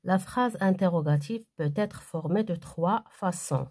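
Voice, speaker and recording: A woman giving a primary school grammar lesson, reading exercises aloud and answering them one by one in a deliberate way. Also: lowish voice, darkish tone, breathy edge.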